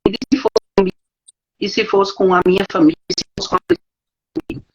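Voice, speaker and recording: A woman's voice: mid-range voice, expressive, quick pace, highs cut off, slight background noise. A woman speaking reflectively over a video call whose audio stutters and cuts out, often ending phrases with tag questions. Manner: reflective, repeats words, frequent tag questions. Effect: call dropping out, speech stuttering and cutting. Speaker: mental health professional at a care center. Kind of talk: live video call interview.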